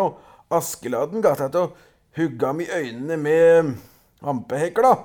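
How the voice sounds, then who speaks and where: A man reading a folk tale aloud in a lively storytelling way, with small hesitations. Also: fairly high pitch.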